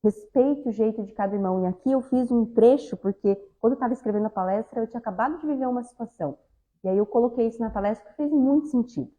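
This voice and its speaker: A woman's voice: on the high side, quick pace, warm tone, poor audio. A woman giving a spiritist talk, speaking conversationally and often addressing the audience directly. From southern Brazil. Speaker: lecturer at a spiritist center.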